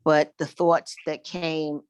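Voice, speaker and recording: A woman with a low, steady voice that barely rises or falls talks slowly about her experience to a meditation group. She rambles a little and reflects as she goes. The sound is dry and close, from a video call mic. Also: no room sound. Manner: slow, reflective, loosely rambling.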